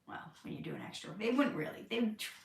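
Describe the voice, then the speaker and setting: Fast and lively, with big pitch swings and vocal fry in a medium-pitched voice, an actress answers questions openly on a casual livestream, laughing readily. The mic is distant, catching her off-mic with a roomy echo.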